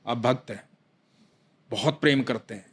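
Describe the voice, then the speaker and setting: A man telling a devotional story, animated, sinking low and quiet in sad moments. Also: a little slow, husky.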